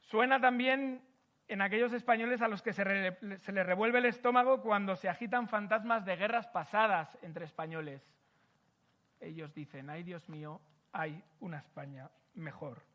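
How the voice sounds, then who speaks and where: High-pitched emphatic man giving a speech. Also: steady tone, normal speed, fairly bright tone, dull audio. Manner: emphatic, rhetorical repetition. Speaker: event host and moderator. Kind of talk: political rally speech.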